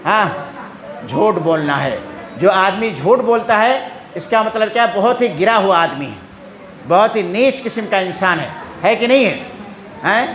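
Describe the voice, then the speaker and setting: A man with a high-pitched voice gives a religious lesson. He keeps asking questions and then answers them himself. The room echoes, with a faint background hiss. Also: a bit bright. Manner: constantly asks questions and answers them himself, tagging "hain?". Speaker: Islamic teacher. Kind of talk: religious lesson quizzing listeners.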